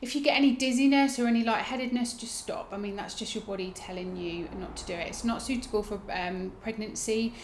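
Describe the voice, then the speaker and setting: A woman with a fairly high voice gives breathwork instruction in an informal, explanatory style. She guides gently, letting her phrases end softly. The recording is roomy, with a clear echo around her voice. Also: fast, hardly any pauses, background noise. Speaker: yoga breathwork teacher. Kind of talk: instructional demonstration, casual explaining. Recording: roomy, echoing indoor sound.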